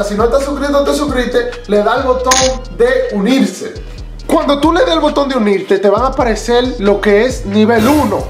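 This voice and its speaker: A young man with a Dominican Spanish accent and a strikingly high voice addresses his viewers. He talks in animated street slang, like a comedy host making an announcement. The room echoes, and light music plays behind him. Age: young adult. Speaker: YouTube comedy creator, host. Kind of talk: comedic direct-to-camera channel announcement. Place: small indoor room with bare wall.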